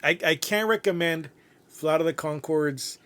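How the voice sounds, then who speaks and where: A man co-hosting a podcast, talking loosely and excitedly, leaning on "like" and "dude" and swearing freely. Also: fairly high pitch, measured pace, a little hiss or hum. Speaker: podcast co-host. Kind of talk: casual chat.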